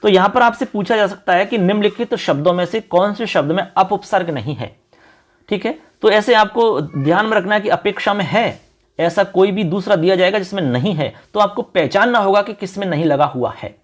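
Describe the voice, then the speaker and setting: A man with a fairly high voice teaches an exam-prep lesson in an unhurried, explanatory way. He repeats each term and keeps directing the students to look at the examples. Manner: repetitive, explanatory, often says "look".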